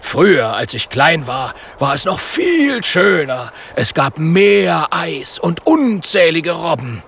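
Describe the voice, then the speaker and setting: A man's voice: on the high side, very animated, slow, vocal fry, fairly bright tone, a little hiss or hum, voice pushed up, exaggerated voice. A man doing a grumbling, greedy polar bear. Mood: overjoyed. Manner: grumbling, sly whispers about prey. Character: boastful hungry male polar bear, grumbly.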